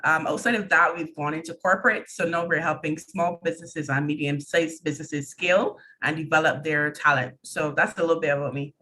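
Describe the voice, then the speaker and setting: A woman's voice: low voice, fairly even intonation, a little fast, few pauses, pushed and bright, slight background noise. A woman introducing herself as an HR manager on a panel.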